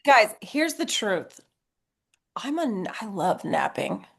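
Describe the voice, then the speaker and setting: A young adult woman, an actress guest on a podcast, chatting in a bubbly, animated, self-deprecating way. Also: medium pitch, takes it slowly, gravelly, breathy edge. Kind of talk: casual podcast chat.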